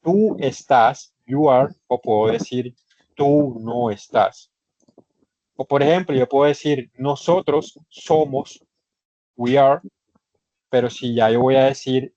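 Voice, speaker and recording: A man's voice: medium pitch, a little slow, mellow, dry recording. A man teaching an online English class, explaining patiently step by step and repeating key points. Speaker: English instructor. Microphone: computer microphone in a video session. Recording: slightly muffled online session audio.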